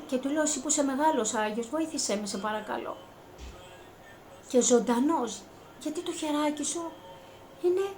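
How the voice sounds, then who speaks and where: High-voiced woman, earnest personal testimony, climbs into excited retelling; light room ambience. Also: a little hiss or hum. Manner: earnest, rising to high-pitched excitement when reliving events. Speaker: vlogger recounting a personal experience.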